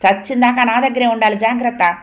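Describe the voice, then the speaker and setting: A woman's voice: a little high, quick pace, close to an everyday voice. A woman voicing a cruel, threatening man who holds a mother captive in an audio novel. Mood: menacing. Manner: harsh, menacing. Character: cruel, threatening male captor.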